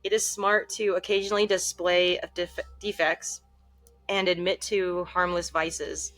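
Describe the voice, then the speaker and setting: A woman's voice: on the low side, level tone, a little slow, a bit bright, faint music behind. A woman co-hosting a casual chat, joking and laughing often as she reads aloud, speaking through a mask. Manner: giggly, jokey, laughs often. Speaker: podcast co-host.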